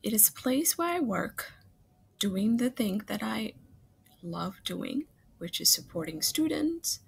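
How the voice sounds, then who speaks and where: A woman from Singapore with a gravelly, somewhat breathy voice introduces herself as a school counselor. She speaks in a friendly, conversational way, with occasional fillers. She records over a slideshow on a laptop webcam at home. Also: mid-range voice, big pitch swings, slow. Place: home room, webcam in corner of screen share.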